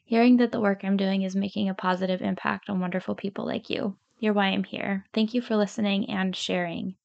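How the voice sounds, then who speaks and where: Her mid-range voice is brisk with fairly even intonation and vocal fry, on lo-fi sound. She's a podcast host in her thirties, worn out from too little sleep and a bit scratchy, addressing listeners directly with sincere encouragement.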